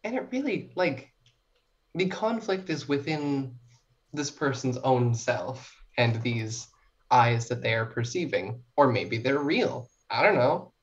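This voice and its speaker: A young woman, a short story writer, chats casually as a podcast guest, informal and self-reflective. Her bass voice is animated but slow, and the recording has its highs cut off.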